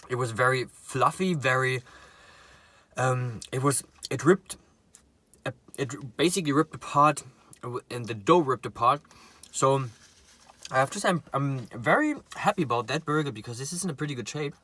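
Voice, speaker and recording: A man chatting casually to viewers while he eats, pausing and murmuring between remarks. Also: mid-range voice, bright, forceful tone. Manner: talks while eating, with murmured mms and pauses. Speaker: mukbang vlogger. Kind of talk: casual eating chat to viewers.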